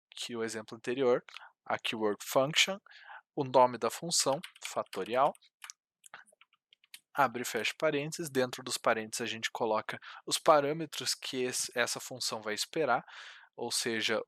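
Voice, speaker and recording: A young Brazilian man teaches programming in a screen-recorded coding tutorial. His mid-range voice is a bit bright, and his delivery is hesitant, full of fillers and restarts.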